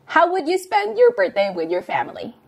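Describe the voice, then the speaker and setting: This woman in her late twenties vlogs from a small apartment using a clip-on mic, which picks up a little hiss or hum. Her voice is extremely high yet darkish, with wildly swooping pitch, vocal fry, and a fairly quick pace as she giggles, sings, and repeats phrases in casual, bubbly chat.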